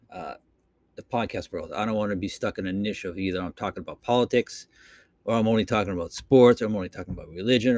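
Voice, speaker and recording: A man from Boston, Massachusetts, hosts a solo podcast, rambling without a script into a computer microphone in his Boston accent, with many fillers and restarts. His voice has a fairly low pitch, and the recording is dry.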